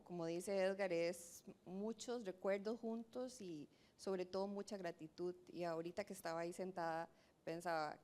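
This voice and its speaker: A woman's voice: mid-range voice, a little mellow. A woman giving a reflective, heartfelt faith testimony to a church audience.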